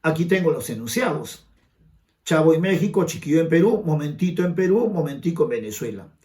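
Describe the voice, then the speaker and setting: Lively Peruvian man teaching grammar. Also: fairly high pitch. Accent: Peruvian Spanish. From Peru. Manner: rhetorical questions to the viewer, emphatic. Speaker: language teacher. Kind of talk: exam-prep grammar lesson.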